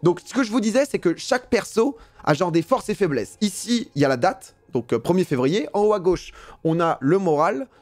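A man's voice: high voice, very animated, fairly quick, a little mellow. A man commentating a live gameplay stream in a casual, slangy way, swearing freely and reading game text aloud between remarks.

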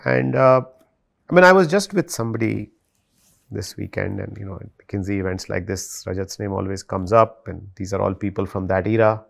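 A man's voice: fairly low pitch, normal speed, gravelly. A man in his fifties with an Indian English accent, a guest speaking earnestly and emotionally in a studio interview, slipping into Hindi now and then. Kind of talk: reflective interview conversation. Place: studio set with sofas.

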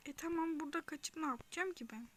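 A woman's voice: high-pitched, fast, a bit bright. A young woman chatting through her own gameplay for a gaming channel, often dropping into whispers and yelping when chased. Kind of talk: casual gameplay commentary.

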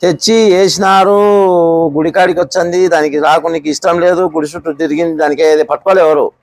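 Fast-talking man. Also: a little high, steady tone, no room sound. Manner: rapid rural storytelling, re-enacts quoted speech. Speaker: bull owner and farmer. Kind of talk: storytelling in an interview.

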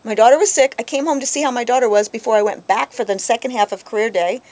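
A woman in her thirties hosting a radio talk show, venting and telling stories in a lively, chatty way. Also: on the high side. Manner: animated storyteller, quick to vent. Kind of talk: casual chat.

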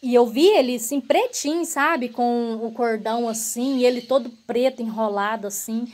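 A woman with a slightly raised pitch tells a personal story straight to her viewers. Her delivery is earnest and emotional, with loose, repetitive phrasing and frequent direct address to the audience. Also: normal speed, darkish tone. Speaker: vlogger.

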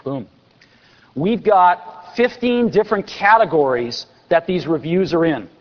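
A fairly high-pitched, expressive man in his forties presents a product keynote at a measured pace, enthusiastic but with dry sarcastic asides. He's a company executive on a large convention stage, recorded in dull lo-fi with long hall reverb.

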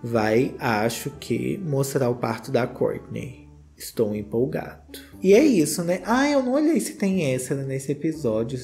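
A man's voice: medium pitch, lively intonation, a little slow, gravelly, a little mellow. A Brazilian man hosting a casual, gossipy reaction commentary with campy, sassy asides. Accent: Brazilian Portuguese. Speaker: host. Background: faint guitar music.

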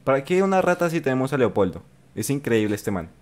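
Fast and swinging widely in pitch, a mid-range, slightly mellow male voice delivers casual reaction commentary for viewers. He's a young Colombian-accented streamer joking around in his bedroom, leaning into a studio mic on an arm.

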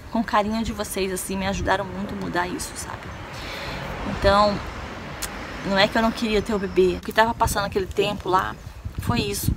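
A woman's voice: mid-range voice, a little hiss or hum, rough recording. A woman from Brazil, a vlogger, talking earnestly and confidingly in a personal confessional video, often checking in with her viewers. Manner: earnest, confiding, tags lines with "sabe?" and "né?".

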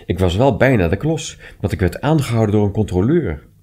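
A man voicing a calm, guarded man in a storybook reading, answering softly and politely. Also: brisk, breathy edge. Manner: low, soft, reserved replies.

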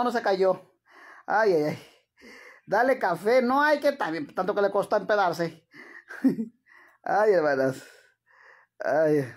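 A man with a Mexican accent chatting on a live stream, dramatic and full of exclamations, calling his viewers "sisters". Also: sits high. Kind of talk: casual live-stream chat.

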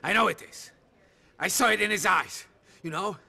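A gravelly volatile mob boss. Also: male voice, high voice, normal speed, bright, forceful tone, heavily acted. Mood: suspicious. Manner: barking, threatening, sneering. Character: volatile paranoid male mob boss, menacing. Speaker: crime boss. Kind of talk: video game cutscene acting.

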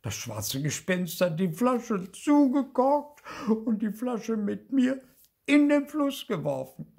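A man's voice: high-pitched, very animated, slow pace, dark tone, slightly rough, pitched above the performer's own voice, exaggerated voice. An older man reading aloud and voicing a timid ghost girl who whimpers and stammers in fear. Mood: wailing scared. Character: timid wailing ghost girl, always scared.

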